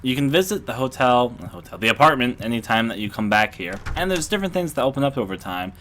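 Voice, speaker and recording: A man's voice: medium pitch, lively intonation, fast talker, fairly bright tone, slight background noise. A man giving laid-back, jokey commentary while playing a horror game. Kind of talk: casual gameplay commentary.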